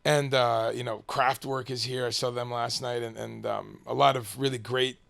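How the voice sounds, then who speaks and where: A man's voice: medium pitch, little pitch movement, moderate pace, vocal fry, a bit bright. A man interviewing someone casually on camera, rambling and hesitant as he sets up his questions.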